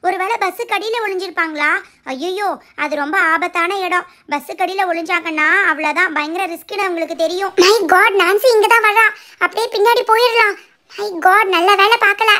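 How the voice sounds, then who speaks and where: Woman doing a bossy squeaky schoolgirl. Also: fairly even intonation, moderate pace, sharp tone. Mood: worried. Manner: bossy, exclaiming. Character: bossy young schoolgirl seeker. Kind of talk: cartoon voice acting.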